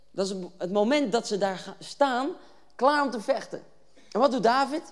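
A preacher speaks at a youth evening and turns a Bible story into a lively, conversational retelling. Read verses give way to casual slang and quick acted-out bits of the scene. The delivery is energetic and keeps pulling listeners into the story. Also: mid-range voice.

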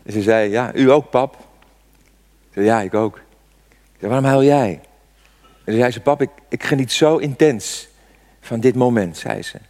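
A man's voice: medium pitch, a little slow, pauses often, a little mellow. A man in his sixties preaching a sermon, telling a personal story with fervent rhetorical questions. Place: church. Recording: long church reverb.

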